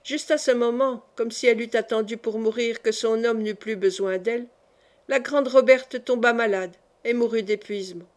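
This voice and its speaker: A woman narrating a classic novel as an audiobook in a measured, even way. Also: on the high side. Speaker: audiobook reader.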